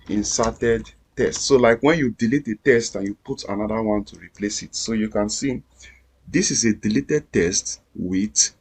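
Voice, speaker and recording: Slow, husky-voiced man teaching code. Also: lowish voice. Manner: patient, repetitive step-by-step explaining. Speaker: coding instructor. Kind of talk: screen-recorded coding tutorial.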